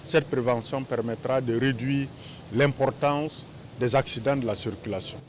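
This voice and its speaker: A man giving a measured, explanatory interview soundbite. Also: mid-range voice, fairly even intonation, slight background noise.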